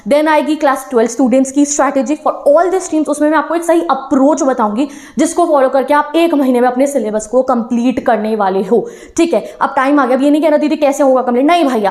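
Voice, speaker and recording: A woman's voice: high-pitched, a little mellow. A young woman teacher giving an encouraging talk to exam students, switching between Hindi and English phrases. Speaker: online teacher.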